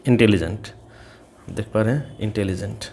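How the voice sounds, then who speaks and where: A man's voice: on the low side, moderate pace, a little mellow, slight background noise. A man teaching English grammar, patiently explaining each rule step by step and spelling words out letter by letter. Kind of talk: explaining grammar rules in Hindi.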